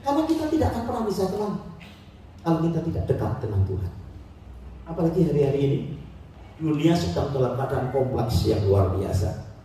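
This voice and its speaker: A man, preaching a sermon as a pastor, acting out quotes and swinging between loud and soft. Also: medium pitch, sing-song, a little fast, pauses often, a little hiss or hum. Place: church hall. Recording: very echoey hall, mic from a distance.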